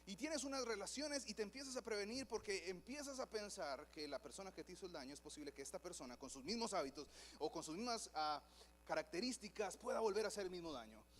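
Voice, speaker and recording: A man preaching a lively sermon in a church, acting out the voices of people in his stories. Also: sits high, fast, a little hiss or hum. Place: church hall.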